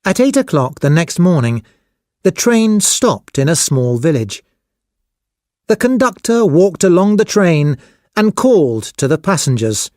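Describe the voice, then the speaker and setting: Slow, expressive man narrating a storybook. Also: on the high side, no echo, clean studio sound. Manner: slow, expressive, clearly spoken. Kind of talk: scripted storybook narration for children.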